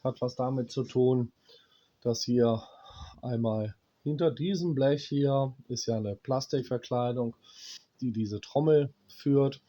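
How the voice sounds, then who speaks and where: Warm in tone and medium in pitch, a German appliance repairman with a cold speaks slowly through a hands-on repair explanation. He coughs, stays blunt and plain-spoken, and swears at cheap gear, pausing while he works and talking himself through the parts.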